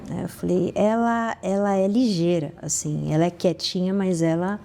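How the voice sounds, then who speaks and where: Speaking at a moderate pace in a warm, steady, low-leaning voice with vocal fry, a woman with a Brazilian Portuguese accent tells stories earnestly. As a guest on a conversational podcast and founder of a social fashion project, she often restarts and abruptly rises in emphasis.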